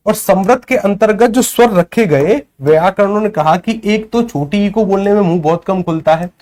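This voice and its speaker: Man, grammar teacher, slightly high voice, classroom lecture, self-answering questions, checks in with students. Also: moderate pace, darkish tone. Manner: repeats questions and answers them himself.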